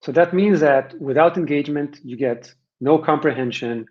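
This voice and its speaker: A man's voice: fairly high pitch, normal speed. A man with an Israeli accent giving a conversational webinar presentation, explaining his points emphatically and repeating phrases to drive them home. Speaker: webinar presenter from a software vendor. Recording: dull, band-limited webinar audio.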